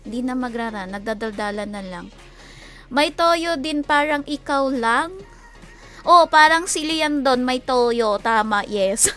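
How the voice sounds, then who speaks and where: A young adult woman with a Filipino accent chatting casually and teasingly on a game livestream, quick to laugh. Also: high voice, bright, forceful tone, soft background music. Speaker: game streamer.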